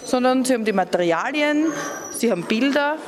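A woman's voice: on the high side, lively intonation, brisk. A woman and primary teacher thoughtfully explaining her classroom experiments.

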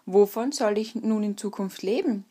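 A woman's voice: mid-range voice, normal speed, warm tone, breathy edge, natural voice. A woman voicing an old, worn-out male hunting dog who whines and complains, in a spoken fairy tale. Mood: lamenting. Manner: whining, complaining.

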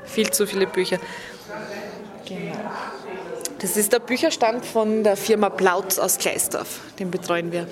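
A woman's voice: medium pitch, fairly even intonation, measured pace, long pauses, a crowd in the background. Chatty woman at a crowded book stall. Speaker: bookstall attendant and teacher.

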